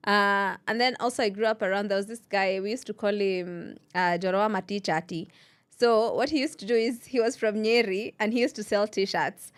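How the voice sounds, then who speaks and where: A Kenyan-accented woman hosts a relaxed radio chat at a mid-range pitch for a woman. She tells stories in a chatty way and acts out the people she quotes. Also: normal speed, smooth. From Nairobi, Kenya. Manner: chatty storytelling, acting out quotes. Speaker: radio host.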